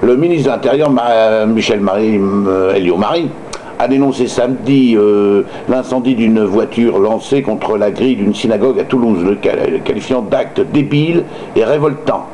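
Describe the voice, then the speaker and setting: A man's voice: fairly low pitch, normal speed, mellow, a little hiss or hum. A man reading news like an amateur radio host, stumbling and hesitating, with sardonic personal asides.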